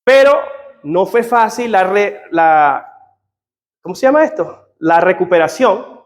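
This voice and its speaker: High-voiced man preaching a sermon. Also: animated, unhurried. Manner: earnest, personal storytelling with quoted dialogue. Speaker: pastor.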